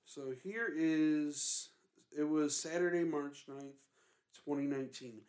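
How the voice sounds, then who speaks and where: A man's voice: a little high, fairly even intonation, slow pace, darkish tone. A young man co-hosting a casual paranormal podcast, reading notes aloud with lots of fillers and restarts. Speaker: podcast co-host. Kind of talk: casual chat.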